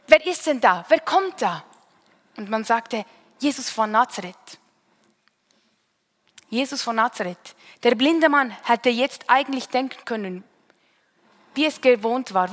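A woman from around Bern gives a sermon with a Swiss German accent, talking to her listeners like in a conversation. Her voice sits a little high, and it carries a long reverb as if it were spoken in a large hall. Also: a bit bright. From Switzerland, Bern region. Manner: conversational, tag questions. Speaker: preacher.

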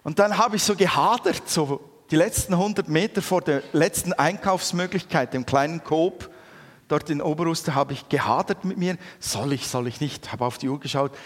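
A middle-aged man with a Swiss German accent, telling a personal story in a sermon with lively, animated delivery. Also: on the high side, moderate pace. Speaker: preacher. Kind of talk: anecdotal sermon. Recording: long reverb in a hall.

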